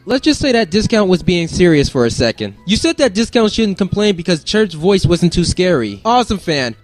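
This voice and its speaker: A man with a high voice who lectures in a condescending way. Faint music plays underneath him. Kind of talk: commentary rebuttal.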